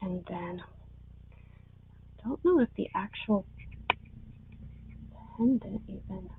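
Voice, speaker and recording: A woman's voice: medium pitch, slow pace, slight background noise. A woman working as an auctioneer on a live online sale, presenting items and calling bids. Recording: tinny phone-like sound.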